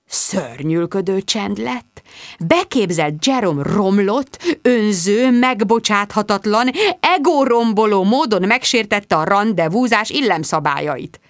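A woman narrating a first-person audiobook, her pitch moving lively through the sentences. The sound is dry and close, with no room around it. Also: no room sound. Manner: lively, expressive storytelling. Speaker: audiobook reader.

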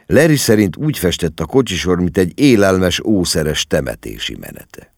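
A deep male voice telling a story with a lot of melodic movement. He reads the prose expressively, close and dry with no room sound. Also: big pitch swings, no echo. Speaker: audiobook narrator. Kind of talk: scripted literary narration.

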